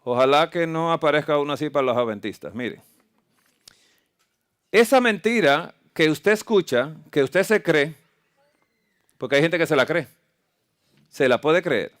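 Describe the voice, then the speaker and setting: A man's voice: a little high, expressive, unhurried, long pauses, fairly bright tone. A man preaching a sermon that mixes medical slides with scripture, asking the congregation frequent rhetorical questions. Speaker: preacher and health lecturer. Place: church camp meeting.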